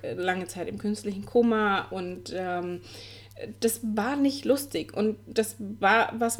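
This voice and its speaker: A woman's voice: medium pitch, a little mellow. A woman in her forties hosting a podcast, telling her personal story in an earnest, candid way, with many fillers and restarts. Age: 40s. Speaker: podcast host.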